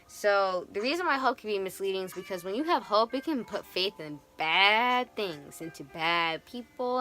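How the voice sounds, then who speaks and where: A young woman giving a casual, animated tarot reading, chatty and playful. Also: on the low side. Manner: animated, chatty, swings into playful quoted voices. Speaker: tarot reader.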